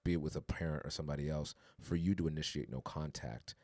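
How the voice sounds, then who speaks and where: In a dry, studio-quality recording, a podcast co-host talks fast in a very deep, warm voice with a steady tone. His casual conversation starts earnest and reflective, then rises into emphatic urging.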